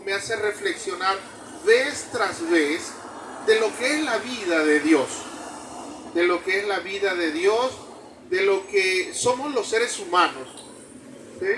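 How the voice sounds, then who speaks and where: Male preacher, high-pitched, storytelling sermon, noisy background. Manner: slow storytelling with repetitions. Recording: distant mic with background noise.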